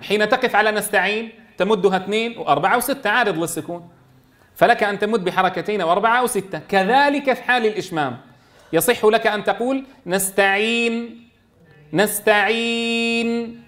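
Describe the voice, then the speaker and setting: A man teaching Quran recitation rules to a class, quizzing his students and modeling words in slow, drawn-out recitation. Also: high-pitched, a bit bright.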